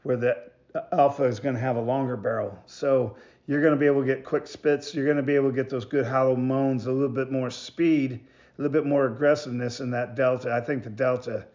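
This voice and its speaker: A man giving a casual product demonstration as a maker of hunting calls, talking in a halting, rambling way and often repeating himself. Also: mid-range voice, fairly even intonation, darkish tone, lo-fi sound. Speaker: goose call maker presenting products.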